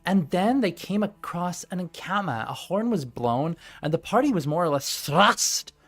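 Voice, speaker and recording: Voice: medium pitch, animated, moderate pace, fairly bright tone. A game master running a tabletop game, chatting and narrating in a profane, giggly way with a Valley Girl drawl. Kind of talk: casual chat and game narration.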